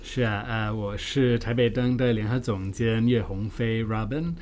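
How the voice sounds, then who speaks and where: Interview guest, male, non-native speaker with a Beijing accent, low voice, articulate and measured, light noise behind. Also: steady tone, darkish tone. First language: not Chinese, a foreigner speaking Mandarin. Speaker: guest, art fair co-director. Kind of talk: interview answers, explaining.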